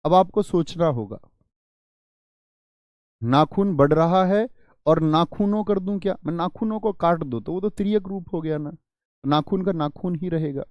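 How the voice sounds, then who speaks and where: A male teacher giving an exam-prep grammar lesson, stressing and repeating example words in a drawn-out way. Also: fairly high pitch, no echo, muffled recording.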